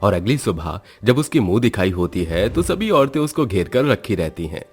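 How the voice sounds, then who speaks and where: A man narrating a storybook cartoon in a steady, scripted way. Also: fairly low pitch, normal speed.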